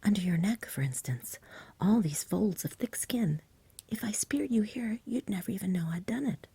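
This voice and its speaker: A woman voicing a frank, patient, confident male knight in a breathy whisper, courteous and persuasive. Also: mid-range voice, lively intonation, normal speed, dark tone, no echo, pitched above the performer's own voice, full character voice.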